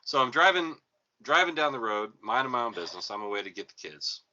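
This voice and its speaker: A man's voice comes through thin and tinny with no bass at all, like a speakerphone across the room. His tone is very bright and sharp. He hosts a casual chat and tells a rambling story peppered with swearing. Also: big pitch swings, quick pace. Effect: thin, tinny sound with no bass, like a speakerphone across the room. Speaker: podcast host.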